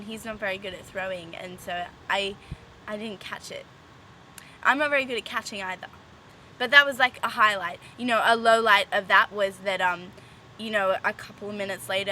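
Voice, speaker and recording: A woman's voice: medium pitch, sharp tone, low-quality recording. A woman student vlogging casually in her backyard, rambling with restarts and giggles. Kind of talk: casual chat. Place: backyard, outdoors. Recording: outdoor traffic noise.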